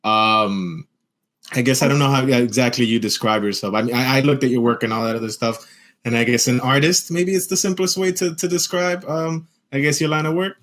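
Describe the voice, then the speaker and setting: A man's voice: medium pitch, fairly even intonation, brisk, fairly bright tone. A man hosting a podcast in a laid-back, joking, slangy way. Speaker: podcast host. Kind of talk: casual interview chat.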